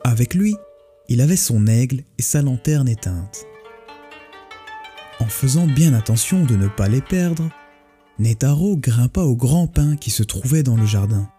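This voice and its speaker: A man narrating a folk tale in a calm, measured way. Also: mid-range voice. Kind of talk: storybook narration. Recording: faint music behind the voice. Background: faint music.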